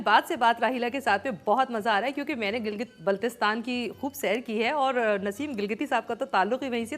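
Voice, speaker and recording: Lively chatty woman host. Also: on the high side. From Pakistan. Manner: chatty and expressive, excited storytelling. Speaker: talk show host. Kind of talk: studio talk show conversation.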